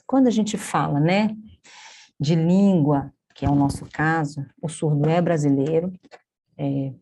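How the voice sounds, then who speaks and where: A woman with a Brazilian Portuguese accent teaches an online course, explaining step by step, often checking in with tag questions and correcting herself mid-sentence. Her voice is deep and dark, with a little hiss or hum.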